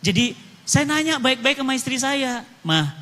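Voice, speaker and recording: A man voicing a grieving male prisoner who talks softly and quietly, tearful. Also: very high voice, very animated, normal speed, big-room sound, exaggerated voice. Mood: sorrowful. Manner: soft, subdued, tearful telling.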